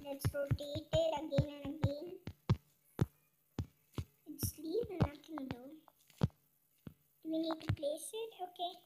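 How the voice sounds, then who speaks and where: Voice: takes it slowly, long pauses, over loud music, low-quality recording. A gaming channel host talking through a puzzle game in a chipmunk voice effect, chatty and often asking "okay?". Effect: chipmunk voice, sped-up high-pitched filter. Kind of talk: casual let's-play commentary.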